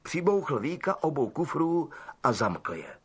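A man's voice: on the high side, husky. A man reading a novel aloud as an audiobook narrator, telling it expressively. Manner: expressive storytelling. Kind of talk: scripted narration.

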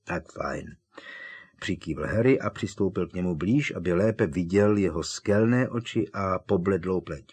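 Deep, husky male audiobook narrator. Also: few pauses, darkish tone. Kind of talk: scripted narration.

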